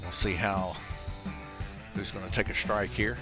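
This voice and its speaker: A man's voice: deep voice, fairly even intonation, unhurried, rough recording. A man giving casual, chatty live race commentary at a slot car raceway, with many filler words. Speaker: race commentator and track host. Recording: music playing underneath.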